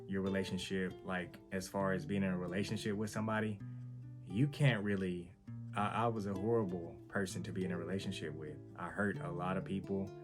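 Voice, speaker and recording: A man hosting his own show, candidly telling his personal story in an earnest, self-correcting way. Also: low-pitched. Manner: earnest, candid, repeats himself and restarts often. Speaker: host. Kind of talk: personal testimony vlog.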